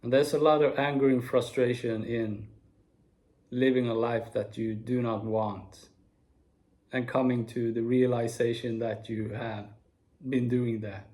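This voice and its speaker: Slow, earnest man in his forties. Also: mid-range voice, flat delivery. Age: 40s. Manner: slow, earnest, with soft laughs. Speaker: video speaker. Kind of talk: reflective spoken monologue.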